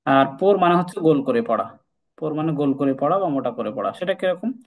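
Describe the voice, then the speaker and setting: A man with a somewhat high voice leads an informal Quran recitation class. He explains each rule patiently, says key points twice and slows right down to chant the Arabic examples. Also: expressive, low-quality recording. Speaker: Quran teacher.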